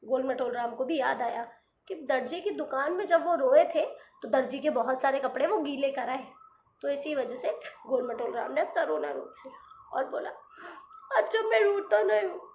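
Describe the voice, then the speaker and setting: A woman narrating a children's story in a lively, expressive way. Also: sits high, normal speed, reverberant, a little hiss or hum.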